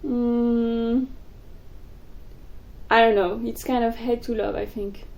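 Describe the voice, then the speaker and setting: A young woman, a native French speaker, chatting excitedly about books in a casual vlog. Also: on the high side, creaky, low-quality recording. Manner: excitable, gushing, quick bursts. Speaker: book vlogger. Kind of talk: casual chat to camera.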